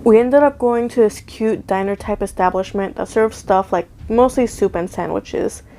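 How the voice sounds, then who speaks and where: A woman's voice: medium pitch, moderate pace, mellow, a little hiss or hum. A woman narrating a first-person story in a casual, wry way. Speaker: narrator reading a scary story.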